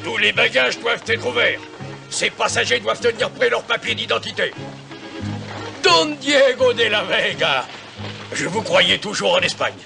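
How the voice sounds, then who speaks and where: Gravelly, drill-sergeant army sergeant. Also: male voice, high voice, animated, normal speed, over music, exaggerated voice. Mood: officious. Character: blustering, deferential sergeant, obedient to his commandant. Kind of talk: French-dubbed television adventure acting.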